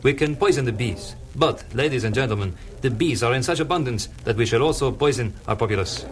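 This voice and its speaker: An actor playing a learned, courteous male insect scientist with formal, measured phrasing, in old radio show style. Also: mid-range voice, close to an everyday voice. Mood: emphatic.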